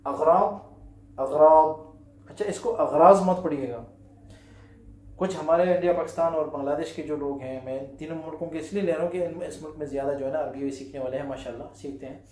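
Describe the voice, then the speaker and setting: A man teaching an Arabic lesson at a board, patiently repeating key words slowly with many pauses and fillers. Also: on the high side, fairly even intonation, warm tone, roomy sound. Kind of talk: classroom-style language lesson. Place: room with a whiteboard.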